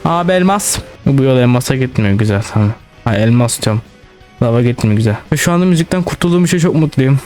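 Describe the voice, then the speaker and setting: Man, gaming commentary, excitable, swears a lot, chats to viewers, soft music underneath. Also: mid-range voice, quick pace. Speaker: gaming channel host. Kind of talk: casual let's-play commentary.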